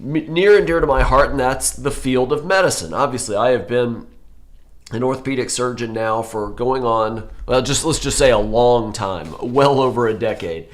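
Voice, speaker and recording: An orthopedic surgeon in his forties hosts a live health show, his mid-range voice turning hoarse from a cold. Speaking at a moderate pace, he rambles and corrects himself, using plenty of fillers.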